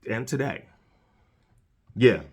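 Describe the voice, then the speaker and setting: A man's voice: mid-range voice, lively intonation, takes it slowly, darkish tone, slightly rough. A man hosting a solo commentary show, talking in an earnest, preachy way and often repeating and restarting his words. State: dry mouth, has candy in his mouth. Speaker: podcast host.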